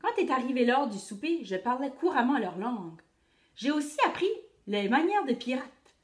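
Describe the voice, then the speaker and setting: Expressive woman reading to kids. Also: high voice, moderate pace, echoey room. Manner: expressive, speaks directly to young listeners. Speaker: teacher reading to children. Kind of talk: children's storytelling read-aloud.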